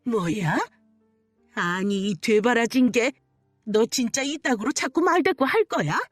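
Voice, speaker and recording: A woman voicing a domineering middle-aged mother-in-law who sneers and scolds slowly, in a radio story reading. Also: a little high, animated, dry recording, soft background music. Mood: scornful.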